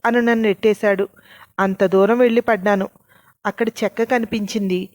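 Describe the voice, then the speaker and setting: A woman narrating a story as a storyteller. She keeps an even delivery and reads all of the characters' lines herself. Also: medium pitch, dry recording. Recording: dull, lo-fi and dry.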